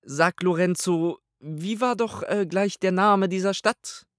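A man's voice: sits high, slow pace, no room sound, studio quality, voice pushed up. A man doing an imperious old pope. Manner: pompous, raised and forceful delivery. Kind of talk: audiobook character voice.

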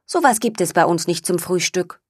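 A woman's voice: lowish voice, expressive, moderate pace, no room sound, clean studio sound. A woman voicing a patient but firm mother pig in a children's storybook. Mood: motherly firm.

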